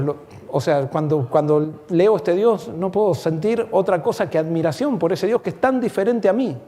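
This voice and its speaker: A man preaching a sermon as pastor, earnest, swelling on key points and dropping low and soft when reading scripture. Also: long reverb tail.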